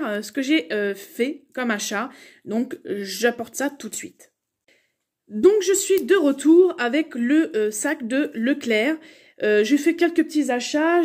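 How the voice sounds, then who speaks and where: Chatty woman rambling through a haul. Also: on the high side. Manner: chatty, rambling, many fillers and restarts. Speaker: vlogger. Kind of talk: casual haul video chat.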